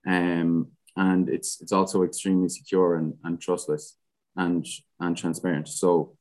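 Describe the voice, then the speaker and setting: A young man with a west of Ireland accent, talking casually and haltingly as an interview guest. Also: deep voice, little pitch movement, a little mellow. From Galway, west of Ireland. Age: young adult. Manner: hesitant, halting, frequent "like". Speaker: podcast guest, student society president.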